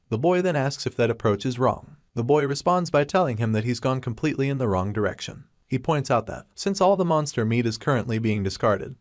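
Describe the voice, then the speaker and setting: A man giving a steady, scripted narration of a story recap. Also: medium pitch, no echo, clean studio sound.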